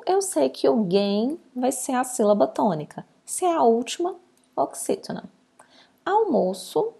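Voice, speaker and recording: A woman's voice: a little high, vocal fry, dark tone, husky. A woman teacher giving a recorded lesson to children, patiently drawing out words syllable by syllable. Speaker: primary school teacher.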